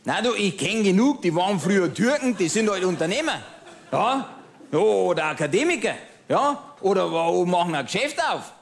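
A man's voice: high voice, big pitch swings, moderate pace, creaky, voice pushed up, full character voice. A cabaret comedian playing a bigoted, middle-aged Bavarian man who rants smugly and keeps asking "verstehst?", speaking with a Bavarian accent. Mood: smug ranting. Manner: ranting, self-satisfied, keeps asking "verstehst?". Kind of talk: cabaret monologue.

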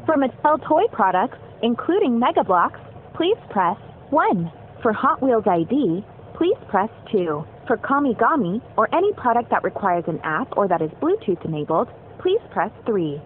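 A woman's recorded phone menu message, a polite, measured scripted announcement for a customer service line. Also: on the high side, sing-song. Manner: polite, measured, evenly paced. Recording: tinny phone line with faint hiss.

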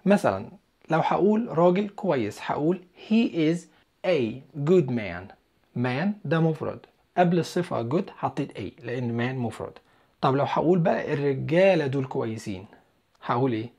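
An English teacher with an Egyptian Arabic accent leads a beginners' lesson, talking in an animated, up-and-down voice. The explanations come in Egyptian Arabic, and the English words and sentences are said slowly and clearly. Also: mid-range voice.

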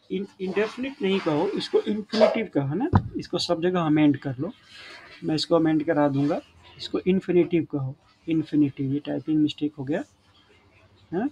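A man's voice: fairly high pitch, low-quality recording. A man with a slightly raised voice gives a grammar lesson and keeps checking that his students are following along. Faint background hiss sits under the recording. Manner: addresses students as children, frequent checking tags. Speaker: English teacher.

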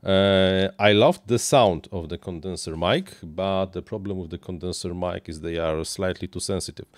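An RC hobby streamer in his thirties, whose nasal voice sits low, chats off the cuff while building a model plane. His speech is halting, packed with uhs, restarts, and non-native phrasing. He works at a small home workshop desk indoors, and his close boom-arm dynamic mic and headphones produce a dry recording.

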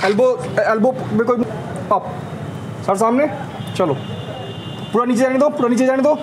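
Counting out reps and urging "slowly slowly" over and over, a young male trainer with a high voice gives brisk, energetic cues during a home workout demo. He's outdoors on a rooftop terrace, and the recording picks up plenty of street ambience and traffic.

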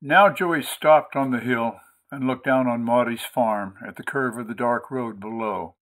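A man narrating a book chapter for a podcast. His reading is steady and measured, with a voice of ordinary middle pitch. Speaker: audiobook host and reader. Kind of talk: audiobook narration.

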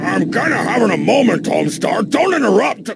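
A man voicing a short-tempered, boastful masked cartoon wrestler with a gravelly, brash, theatrical delivery. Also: high-pitched, very animated, fairly quick, very noisy, heavily acted. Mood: irritated. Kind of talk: cartoon voice acting.

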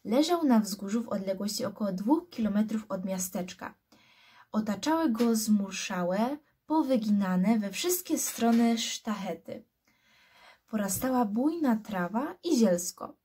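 Woman, reading a novel aloud, hushed, breathy, mellow. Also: medium pitch, lively intonation. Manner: slow hushed storytelling. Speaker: scout reader.

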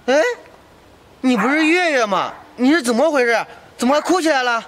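A man playing a kindly single scrap collector who talks with warm concern. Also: very high voice, expressive, fairly quick, slight background noise. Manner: warm-hearted, concerned, chatty.

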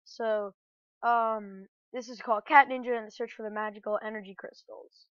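A woman's voice: on the high side, fairly even intonation, normal speed, a bit bright, no room sound. A woman playing a platform game and commentating casually, getting flustered and exclaiming at the game. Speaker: gamer. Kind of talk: let's play commentary. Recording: dull lo-fi dry recording.

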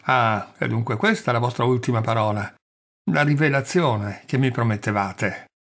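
A fawning middle-aged husband who pleads and humbles himself at every turn, voiced by a male audiobook reader. His voice is husky and a little breathy, with a plaintive, servile tone. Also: medium pitch, moderate pace, a bit bright. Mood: pleading. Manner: plaintive and obsequious. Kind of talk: audiobook character reading.

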